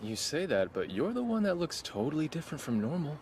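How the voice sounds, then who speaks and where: A man's voice: fairly high pitch, big pitch swings, a little fast, a little mellow, slight background noise. A man playing a cocky, blunt teenage boy in an anime dub, speaking casually with a taunting edge. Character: cocky, blunt teenage boy, top-ranked game player.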